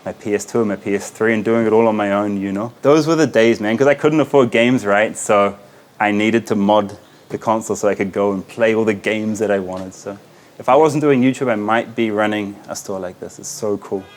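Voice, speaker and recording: A chatty, enthusiastic vlogger from New Zealand speaks in a lowish voice at a fairly quick pace. Hosting a casual on-location vlog inside small game shops in a Pakistani market, he mixes in Urdu greetings and interjections.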